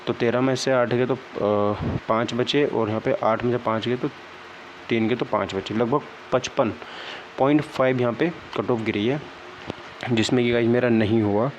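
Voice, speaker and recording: At a normal speed and with fairly even intonation, a young man in a mid-range voice walks his viewers through explanations. He's an exam-prep vlogger, conversational yet clearly downcast and disappointed, and he often drops in "okay, right" to check in. Faint background noise accompanies the dull, lo-fi recording.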